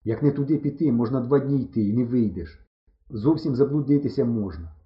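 A man reading an audiobook voices a stubborn, bossy village boy who bickers and shouts, on a roomy, dull recording. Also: mid-range voice, brisk, close to an everyday voice. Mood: hushed, worried.

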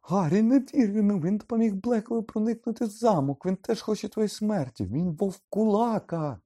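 A man's voice: expressive, fairly quick, dark tone, slightly rough. A man voicing a clever teenage schoolgirl who shrieks in outrage, in an audiobook reading. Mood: shrieking. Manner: shrill shrieking outbursts. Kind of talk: audiobook character voice.

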